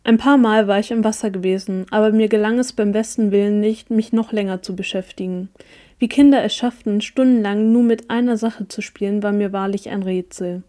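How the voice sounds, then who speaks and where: A woman reads a first-person story aloud with an even, steady delivery. Her voice is warm and mellow, set at a middling pitch for a woman. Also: brisk. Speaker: audiobook reader.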